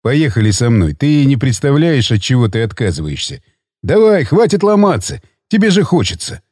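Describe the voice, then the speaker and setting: A man's voice: mid-range voice, big pitch swings, moderate pace, a little mellow, breathy edge, dry recording, studio quality, voice pushed down. A man doing a smug, taunting young surfer. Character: mocking, vengeful young male surfer. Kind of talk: audiobook character reading.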